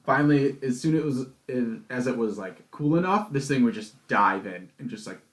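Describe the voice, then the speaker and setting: A man's voice: medium pitch, lively intonation, normal speed. A man co-hosting a podcast, telling stories in casual chat with an exasperated, swearing manner. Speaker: podcast co-host. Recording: echoey room.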